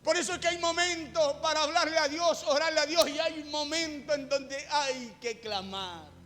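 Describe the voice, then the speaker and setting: High, bright-voiced fervent male preacher. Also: normal speed, big-room sound. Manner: fervent, repeats phrases and calls on listeners to hear him. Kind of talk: sermon. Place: church.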